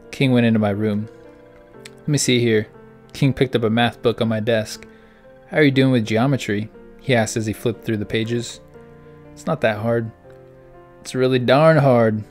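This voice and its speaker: A man's voice: mid-range voice, a little mellow. A man, the host of a gaming channel, playing through a story game, reading its text aloud and reacting in puzzled asides. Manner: reads dialogue aloud in a plain voice between puzzled asides.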